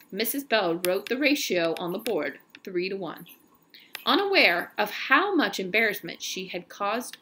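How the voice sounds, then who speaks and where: A woman on the higher side of pitch reads a children's novel aloud, telling the story expressively and sometimes stumbling before correcting herself. There is slight background noise.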